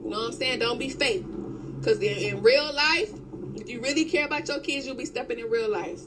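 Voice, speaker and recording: A woman's voice: fairly high pitch, a little fast. A young woman in a heated, unscripted livestream rant, blunt and profane, hammering her points through repetition. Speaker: social media livestreamer. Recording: very noisy livestream audio.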